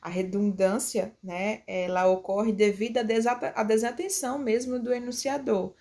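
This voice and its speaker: A woman's voice: fairly high pitch, steady tone, normal speed, a little mellow. A woman teaching a grammar lesson, explaining patiently step by step. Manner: explains step by step with tag questions.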